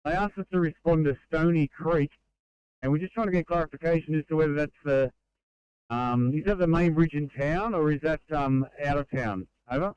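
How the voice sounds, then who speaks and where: A man's voice: a little high, normal speed, a little mellow, smooth, no echo, muffled recording. Australian man over a two-way radio. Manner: hesitant, with fillers and restarts. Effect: heard over a two-way radio. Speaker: emergency crew member calling in by radio. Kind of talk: radio call.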